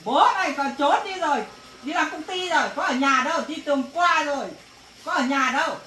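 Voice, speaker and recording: A woman's voice: sits high, moderate pace. A woman acting as an angry rural mother who scolds her daughter, in a family drama. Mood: scolding. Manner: scolding, shouting bursts. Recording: echoey, from far off, faint noise.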